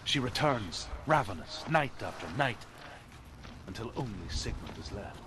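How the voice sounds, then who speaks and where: Grave old-legend storyteller in a game, low voice, measured n suspenseful, ambient noise behind. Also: male voice, very animated. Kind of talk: dramatic storytelling narration, video game. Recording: clear background ambience.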